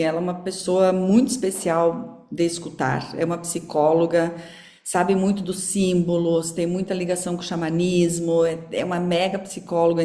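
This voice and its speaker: A woman's voice: on the low side, mellow, echoey room. A woman with a Brazilian accent teaching an online class in a casual, chatty way with many fillers. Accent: Brazilian Portuguese. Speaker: course teacher.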